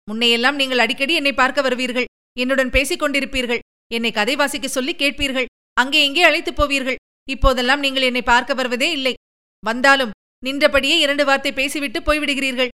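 A woman's voice: high-pitched, fairly even intonation, brisk, sharp tone, smooth, voice pushed up. A woman voicing a worried, lovesick young princess who speaks in a pleading, emotional way. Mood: complaining.

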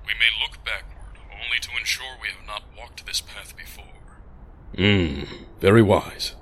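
A man playing a big, stoic outlaw biker in an audio drama, speaking in formal, deliberate phrases with a tender streak underneath. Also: on the low side, pushed and bright. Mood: solemn, matter-of-fact. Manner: formal, stilted, deliberate phrasing without contractions.

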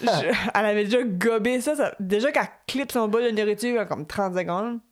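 Woman, Quebec French accent, young adult, casual storytelling, animated, mixes in English words. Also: mid-range voice, brisk. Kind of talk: casual chat.

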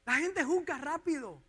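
High-pitched guy pastor preaching to the congregation, really bright tense voice, fired up. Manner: impassioned preaching, addressing the congregation directly. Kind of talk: sermon. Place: church.

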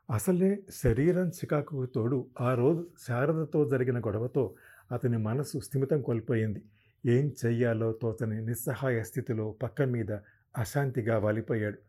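Man narrating a novel, dark voice. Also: mid-range voice. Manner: steady storytelling.

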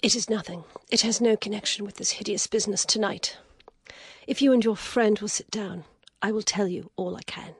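A woman voicing a weary, proud young noblewoman in an audiobook, speaking in a hushed, whispery way. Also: medium pitch, fairly even intonation, moderate pace, no echo, clean studio sound, pitched above the performer's own voice, lightly acted. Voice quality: breathy, whispery. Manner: hushed and tired, rising to bitter outrage. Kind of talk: audiobook character voice.

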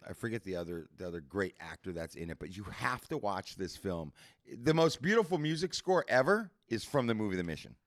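A man's voice: fairly low pitch, big pitch swings, brisk. A man chatting casually and retelling stories with enthusiasm, repeating himself and peppering his talk with bro and dude. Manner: slangy, says bro and dude often, enthusiastic, repetitive. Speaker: podcast co-host. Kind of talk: casual chat, retelling a story.

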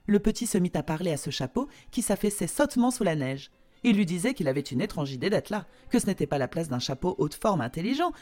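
A woman's voice: fairly low pitch, faint music behind. Woman reading a fairy tale aloud. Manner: slow, expressive, repetitive fairy-tale telling. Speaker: storyteller. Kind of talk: scripted storybook narration.

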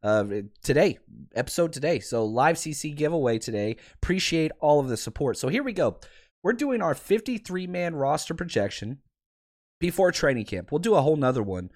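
A man with a raspy, hoarse voice that he is losing, hosting a podcast with casual, rambling sports talk to his listeners. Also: a little high, brisk. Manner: animated, rambling, conversational. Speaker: podcast host.

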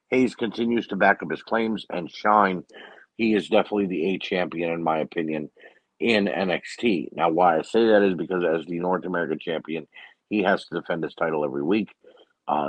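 A man's voice: sits low, fairly quick, no room sound, low-quality recording. A man giving a casual, rambling solo recap of a wrestling show, full of opinions and filler words.

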